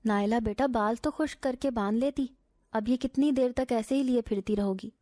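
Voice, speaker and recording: A worried older mother chides her daughter in motherly tones. A woman puts her on with a warm, fairly high voice. She sounds set in her household ways. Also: dry recording, close to an everyday voice. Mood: chiding. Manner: chiding, motherly.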